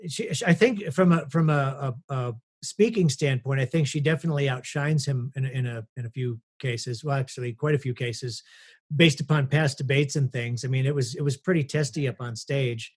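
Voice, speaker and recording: A man hosting a casual podcast, upbeat, talking in quick bursts with frequent "uh" and stumbles. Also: mid-range voice. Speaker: podcast host.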